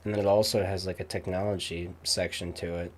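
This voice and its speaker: A young man chatting casually, rambling with many fillers and pauses. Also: low-pitched, level tone, slight background noise. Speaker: streamer. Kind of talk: casual chat.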